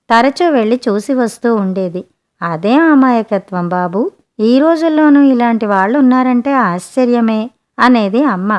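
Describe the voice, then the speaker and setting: A woman narrating a written short story in a gentle, expressive audiobook manner. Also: a little high.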